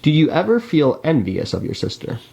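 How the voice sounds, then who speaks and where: A man's voice: a little high, wildly swooping pitch, normal speed, gravelly, highs cut off, noisy background. A man interviewing a friend in a casual chat, playful and teasing, with goofy asides.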